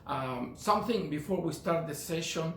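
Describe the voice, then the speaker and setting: A fairly high-pitched, expressive voice at normal speed belongs to a middle-aged Chilean man with a Chilean Spanish accent. He runs a relaxed drum lesson, counting beats aloud and leaning on fillers, while the echoey room carries faint noise.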